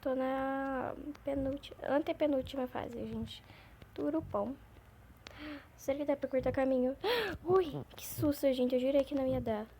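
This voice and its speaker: A talkative woman chats her way through a game, rambling and easily excited. Her voice sits high and mellow, with a faint hiss of background noise. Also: normal speed. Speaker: gaming channel host. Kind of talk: gameplay commentary.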